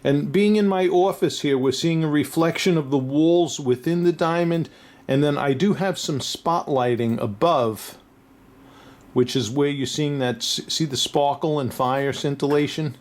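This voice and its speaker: A man's voice: a little high, a little slow. A man with a New York accent, a diamond dealer talking through a casual, unscripted review, chatty and chuckling often. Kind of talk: casual product review vlog.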